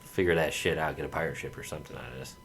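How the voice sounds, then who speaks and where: A man's voice: extremely low pitch, rapid-fire, gravelly, a little hiss or hum. A man co-hosting a podcast, joking around and laughing often in casual chat. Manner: jokey, laughs often, lively delivery. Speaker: podcast co-host.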